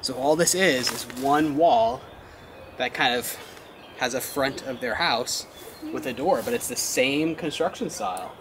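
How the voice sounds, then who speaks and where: A vlogger and father in his thirties explores a cave house on a wooded hillside, curiously explaining his finds to a handheld camera that is sometimes held at arm's length. He speaks unhurriedly in a mid-range voice, with background noise in the recording.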